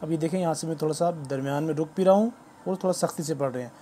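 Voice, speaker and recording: A man teaching viewers to read Quran letters. He explains patiently and breaks off into slow, spelled-out drills of each letter. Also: fairly high pitch, dark tone. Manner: formal greeting to viewers. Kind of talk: spoken lesson on Quran letter reading.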